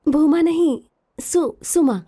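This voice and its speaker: A fiery young medical student. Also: female voice, sits high, slow, mellow. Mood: shy. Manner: insistent, indignant. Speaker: film character. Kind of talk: dubbed film dialogue. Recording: film soundtrack with faint music.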